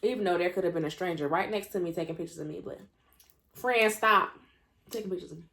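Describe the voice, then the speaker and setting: A woman's voice: on the low side, quick pace, a bit bright. A young woman vlogger telling a story while she eats. Her talk is chatty and sassy, she calls her viewers y'all and honey, and she chews between lines. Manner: eats between lines, mouth full of food. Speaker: mukbang vlogger. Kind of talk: casual story time while eating.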